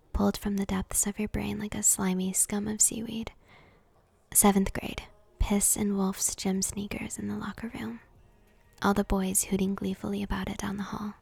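Whispered role-play narrator: woman, creaky, breathy, flat, close and dry. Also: medium pitch, no echo. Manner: soft, intimate second-person whisper.

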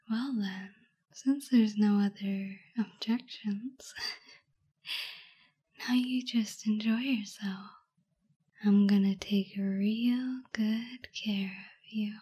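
A young woman whispering softly and teasingly into a close microphone in an intimate roleplay. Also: mid-range voice, lo-fi sound. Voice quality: breathy. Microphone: close sensitive mic.

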